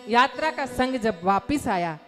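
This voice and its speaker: A woman's voice: lively intonation, unhurried, music in the background. A woman telling a devotional katha, acting out the story's characters as she goes. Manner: voices the story's characters with pitch and volume swings.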